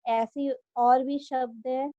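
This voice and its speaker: A woman teacher explaining grammar to children, patient and repeating each word slowly for them to copy. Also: high voice, fairly even intonation, dark tone, dry recording, highs cut off. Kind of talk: Hindi grammar lesson for children.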